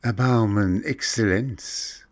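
A man voicing a brave wooden puppet boy who pleads in a raised, imploring voice in a storybook reading. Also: takes it slowly. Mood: pleading. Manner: high, imploring, heroic.

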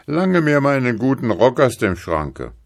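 A man's voice: medium pitch, sing-song, measured pace, creaky, pitched above the performer's own voice. A man voicing an honest, God-fearing farmer who speaks plainly.

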